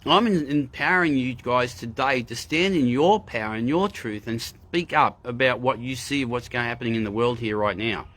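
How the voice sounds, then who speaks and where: A spiritual livestream host speaks earnestly and emphatically, often repeating phrases and greeting viewers in the chat. His mid-range voice is a bit bright, at normal speed with hardly any pauses.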